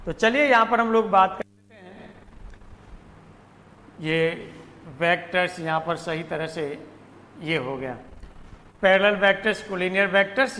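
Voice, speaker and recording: High-voiced man teaching math. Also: pushed and bright, big-room sound, a little hiss or hum. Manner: repeats terms and asks himself questions. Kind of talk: classroom lecture.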